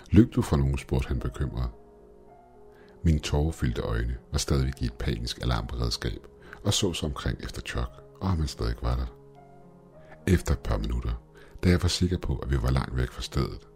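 A man with an extremely deep, low voice narrates a first-person horror story. His telling is scripted and tense. Faint music sits under his voice. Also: darkish tone.

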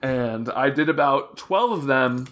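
A young man with prominent vocal fry talking openly in a casual interview, earnest and rambling, often backtracking as he tells his story. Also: mid-range voice, animated, unhurried, a bit bright. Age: young adult. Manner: hesitant, rambling, self-correcting storytelling; open, earnest. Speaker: interview guest.

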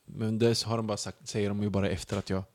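Low-voiced young man chatting. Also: flat delivery, a little mellow. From Sweden. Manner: storytelling, acts out quoted people. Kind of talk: casual chat.

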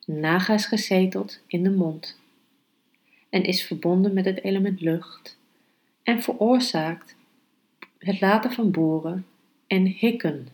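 A woman hosting a yoga podcast, teaching calmly and guiding meditation in a measured, unhurried way. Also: medium pitch, low-quality recording. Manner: slow, measured, unhurried delivery with pauses. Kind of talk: calm instructional podcast and guided meditation.

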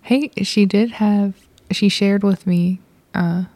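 A young woman co-hosting a home podcast, tired and soft-spoken, hesitant and sometimes nearly whispering. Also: medium pitch, fairly even intonation, slow. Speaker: podcast co-host. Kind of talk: casual chat. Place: home at night.

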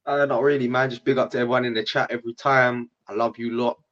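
A man's voice: medium pitch, fairly even intonation, fast, a bit bright, highs cut off. A man with a London roadman accent, chatting casually in street slang as a podcast guest. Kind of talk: casual chat.

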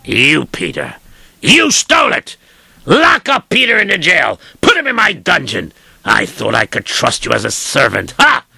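A man's voice: sits high, sing-song, slow, vocal fry, sharp tone, husky, no room sound, exaggerated voice. A man voicing a rich, arrogant, hot-tempered lord who barks orders at his servant and guards. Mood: furious. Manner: bossy, barking orders. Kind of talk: amateur audio storytelling.

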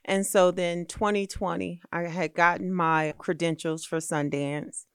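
Brief: middle-aged woman guest, animated storyteller, low smooth resonant voice, dry close sound. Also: unhurried, no echo. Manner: lively, expressive storyteller with laughter. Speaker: magazine founder and editor being interviewed. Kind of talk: animated storytelling in a conversational interview.

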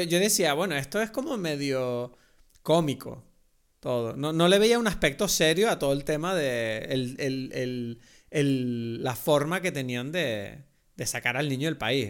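A man with a Spanish accent from Spain, co-hosting a casual film podcast, animated and laughing often as he acts out scenes. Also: medium pitch, moderate pace. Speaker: podcast co-host.

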